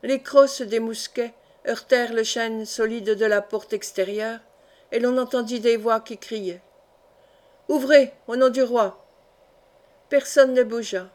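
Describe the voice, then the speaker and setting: A woman reading an audiobook of a historical novel in an even, measured way. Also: fairly high pitch. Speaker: audiobook reader.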